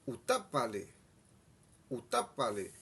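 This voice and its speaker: Slow husky man teaching a language. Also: mid-range voice, sing-song, fairly bright tone. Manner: repeats each phrase twice, slow and deliberate. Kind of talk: slow bilingual language lesson.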